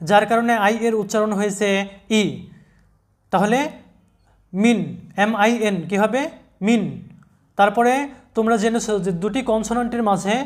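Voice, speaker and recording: This is a teacher with a mid-range voice, patient and methodical. The teacher spells each English word out letter by letter and repeats the finished word, leading a spelling lesson at an even, guiding pace. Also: medium pitch.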